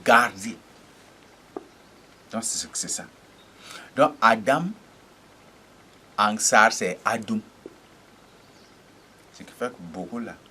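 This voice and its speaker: A man delivers a teaching sermon in a low, unhurried voice. He halts and repeats words, checking with his listeners through rhetorical questions. Faint noise sits behind him. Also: pushed and bright. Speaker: preacher.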